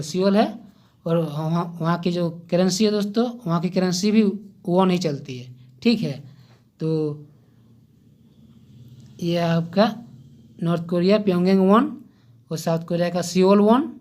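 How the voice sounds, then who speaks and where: A man's voice: high voice, a little mellow. Chatty man teaching a quiz lesson. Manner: chatty, keeps saying "friends" and "okay?"; pauses and hesitates, loses his place. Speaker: exam-prep tutor. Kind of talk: casual general-knowledge lesson.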